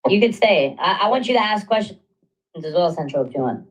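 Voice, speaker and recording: A woman talking through a voice changer on a livestream call, sounding deep and a little unsure as she checks how she sounds. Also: expressive, a little fast, rough recording. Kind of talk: casual livestream chat.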